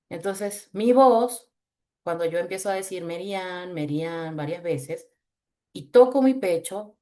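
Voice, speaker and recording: A woman with a low, chest-resonant voice, leading a webinar on voice in a lively, teasing, conversational way over a video call. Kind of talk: webinar talk with exercises.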